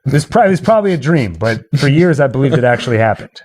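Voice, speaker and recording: Telling stories to his livestream viewers, a man chats casually but with theatrical drama. He talks fast in a darkish, mid-range voice whose pitch swings widely.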